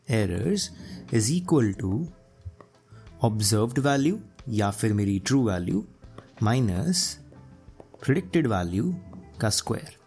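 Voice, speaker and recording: A man's voice: medium pitch, darkish tone, slightly rough. A man with a sore throat teaching a casual lecture, explaining step by step and often checking in with his students. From Punjab.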